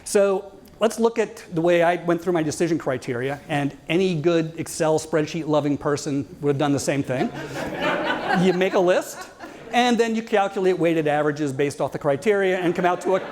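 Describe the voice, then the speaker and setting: A man in his fifties tells a story on stage to a live audience in a wry, conversational way. His voice sits a little high for a man. He keeps turning to the crowd with questions. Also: lively intonation, normal speed, background noise. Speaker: guest speaker.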